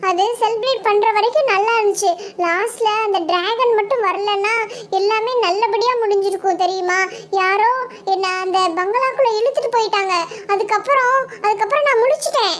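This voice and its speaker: A woman's voice: very high-pitched, moderate pace, fairly bright tone. A woman voicing Mini, a frightened schoolgirl doll who pleads and squeals in a doll story. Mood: bewildered.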